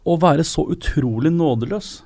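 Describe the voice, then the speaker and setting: A man's voice: fairly high pitch, darkish tone, dry recording. A man co-hosting a casual podcast chat, asking curious questions. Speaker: podcast co-host.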